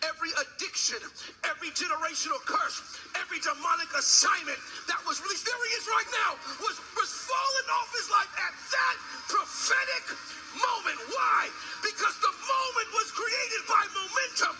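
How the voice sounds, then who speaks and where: A man preaches from the pulpit microphone in a church sanctuary, his voice pitched very high and ringing sharp. He tells a story in a hush and climbs into full shouted preaching. Soft music sits faintly behind him. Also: normal speed, low-quality recording. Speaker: pastor. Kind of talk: sermon.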